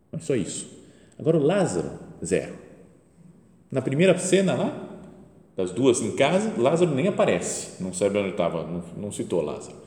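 Preaching with a Brazilian Portuguese accent, a priest speaks in a fairly low, mellow, soft-edged voice that rises and falls through a wide range. His relaxed homily, full of rhetorical questions, is given in a chapel near the tabernacle, ringing through the large church with long reverberation.

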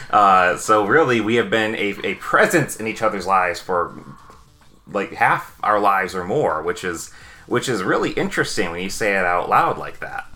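A man's voice: fairly low pitch, expressive, moderate pace, sharp tone. A man, hosting a casual podcast chat and rambling with many fillers. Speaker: podcast host.

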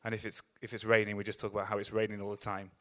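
An English preacher delivers a sermon to a crowd in a chatty manner, dropping joking asides and acting out voices, voicing optimists with rising energy. His voice is fairly low, monotone, and bright, and he speaks very fast.

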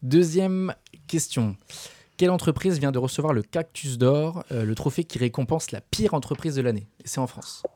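A man's voice: a little high, moderate pace, warm tone, dry recording. A man hosting a casual news quiz among friends, reading out questions and teasing the players. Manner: reads questions, then chats and teases. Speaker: quiz host.

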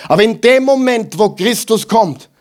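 A man preaching a sermon with emphatic repetitions and mocking asides, swinging between loud and quiet. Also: very high-pitched, expressive, normal speed. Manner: emphatic, repeats lines for the crowd to echo.

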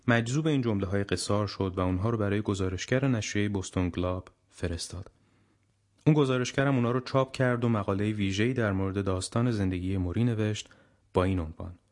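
A man narrates an audiobook in a low voice. His delivery is steady and measured, the even pace of a careful storyteller reading aloud.

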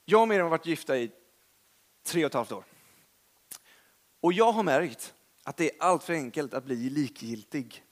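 A young man with a Swedish accent preaches a sermon in a chatty, storytelling style, slightly high-voiced and pausing often. He is self-deprecating, with lively emphasis.

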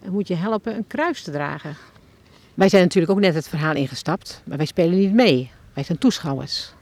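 A woman tells a devotional story as an eyewitness, turning again and again to the listener with questions. Her voice is gravelly and has a husky edge. She sounds like a children's author reading her own story aloud. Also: on the low side, expressive, fairly quick, a little mellow, dry recording. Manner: addresses the listener directly with questions, as if standing at the scene.

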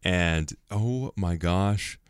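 A man co-hosting a podcast in casual chat, acting out quotes in quick asides. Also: low-pitched, clean tone, no room sound, clean studio sound. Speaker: podcast co-host.

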